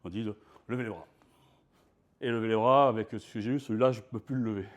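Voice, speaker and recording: A man giving a performed storytelling talk on stage, conversational and self-mocking, halting with restarts. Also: lowish voice, steady tone. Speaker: speaker. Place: stage before an audience.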